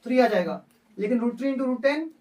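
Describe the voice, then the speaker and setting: During a live classroom maths lesson, a male teacher talks through each step aloud and quizzes his students again and again. He sounds very high, animated, brisk and a little mellow, picked up from far off the mic.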